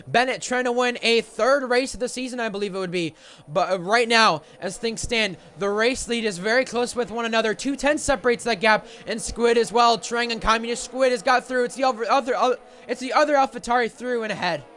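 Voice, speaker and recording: A man's voice: very high voice, brisk, fairly bright tone. A man commentating live on sim racing, calling the action play by play as a motorsport commentator.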